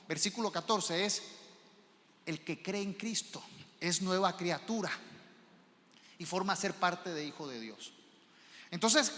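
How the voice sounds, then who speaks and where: Bright-voiced pastor preaching in a hall. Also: male voice, high-pitched. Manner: preaching, asks the congregation questions, swings between soft and loud. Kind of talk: sermon. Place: church. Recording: reverb of a large church hall.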